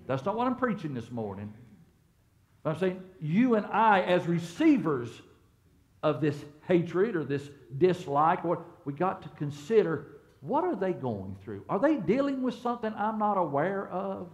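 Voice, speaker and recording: A man's voice: sits high, very animated, a little slow. Man preaching in conversational sermon style. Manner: conversational preaching, swings from hushed storytelling to loud emphatic peaks. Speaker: pastor. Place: church sanctuary.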